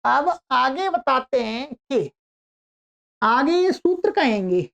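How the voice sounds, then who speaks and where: A woman teaching an online grammar lesson, explaining slowly and repeating her own questions to the class. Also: high-pitched, sing-song, gravelly, fairly bright tone.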